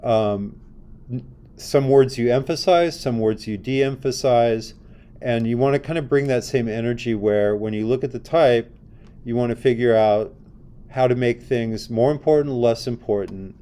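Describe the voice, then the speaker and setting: Mellow-voiced man teaching design class. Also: mid-range voice, moderate pace. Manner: conversational, asks the class questions. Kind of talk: classroom lecture with screen demo.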